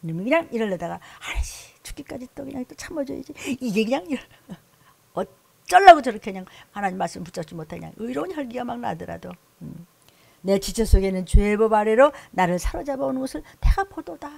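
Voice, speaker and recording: A woman's voice: a little high, expressive, fairly quick, vocal fry, darkish tone, no room sound. A middle-aged woman pastor preaching a sermon, emphatic, often acting out scolding voices and inner thoughts.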